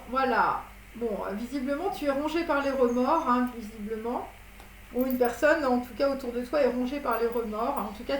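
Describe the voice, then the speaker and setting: A woman with a high voice talks her way through a tarot reading, full of hesitations and restarts. The sound is roomy and echoey, with a faint hiss underneath. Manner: rambling, many fillers and restarts. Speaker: tarot reader. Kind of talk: casual tarot reading monologue. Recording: echoey room with faint noise.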